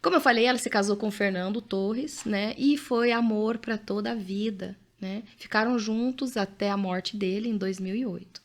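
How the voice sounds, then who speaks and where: A woman's voice: medium pitch, normal speed, few pauses. A middle-aged woman with a Brazilian accent hosting a podcast, chatting casually and reading out facts with her own asides. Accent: Brazilian Portuguese. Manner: chatty, often adds "né?", reads out facts with asides. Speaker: podcast host. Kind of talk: casual conversational podcast chat.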